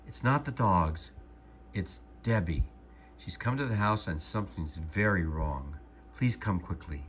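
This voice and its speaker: A man voicing a kind, worried older woman who owns a cat, in a soft, trembling voice, reading a storybook aloud. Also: low voice, animated, a little slow, slight background noise. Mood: anxious.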